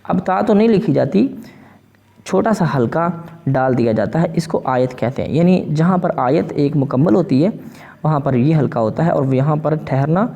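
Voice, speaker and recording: A man's voice: vocal fry, dark tone, highs cut off. A man teaching a lesson on Quran recitation marks, often checking in with a rising "okay?". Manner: repeats "ٹھیک ہے جی؟" with rising pitch. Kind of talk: explanatory lesson.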